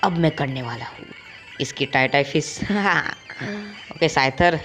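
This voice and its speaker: A man giving casual commentary while playing a game, joking, taunting opponents, and slowly reading out English game text. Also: medium pitch, fairly bright tone, soft background music. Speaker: gameplay streamer.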